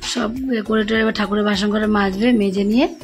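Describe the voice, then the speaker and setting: A woman narrating a casual home vlog in a Bengali accent, chatting to her viewers as friends and speaking softly because she is unwell. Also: medium pitch, steady tone, fairly quick, soft background music. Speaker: vlogger. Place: home indoors.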